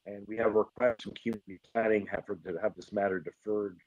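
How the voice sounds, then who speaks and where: A man chairing a formal hearing over a video call. His audio glitches and cuts in and out, and he speaks in a halting way with many fillers. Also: on the low side, fairly even intonation, a little mellow, dry recording, lo-fi sound. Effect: choppy video-call audio that cuts in and out.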